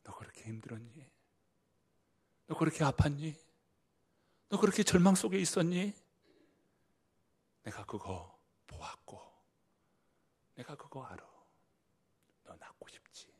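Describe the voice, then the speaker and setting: A preacher voicing a gentle, consoling Jesus. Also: male voice, on the high side, very animated, a little slow, pauses often, breathy edge, voice pushed up, heavily acted. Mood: tender. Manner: gentle questioning, sinking to whispers. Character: tender, consoling male Jesus speaking to a sufferer.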